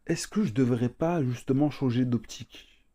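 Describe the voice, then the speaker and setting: Mellow-voiced Frenchman chatting over a game. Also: mid-range voice, normal speed. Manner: informal, slangy, repeats himself. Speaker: gaming video host, player. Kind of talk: casual chat while playing a strategy game.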